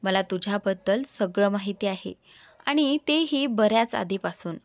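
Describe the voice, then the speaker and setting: A woman's voice: mid-range voice, lively intonation, normal speed, no echo, lightly acted. A woman voicing a jealous young man who speaks in a cutting, sarcastic way to his lover. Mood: furious.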